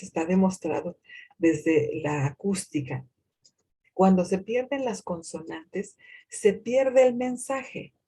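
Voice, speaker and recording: Woman lecturer, slow and deliberate, mellow husky tone, asks herself questions. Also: mid-range voice. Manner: deliberate, poses rhetorical questions, frequent hesitations. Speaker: university lecturer. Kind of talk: recorded lecture on reading comprehension.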